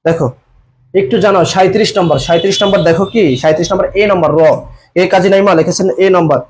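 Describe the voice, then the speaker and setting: Quick high-voiced male tutor. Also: steady tone, a little hiss or hum. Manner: repetitive, coaxing, repeats questions and urges comments. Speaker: admission coaching teacher. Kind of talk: live online exam-prep class.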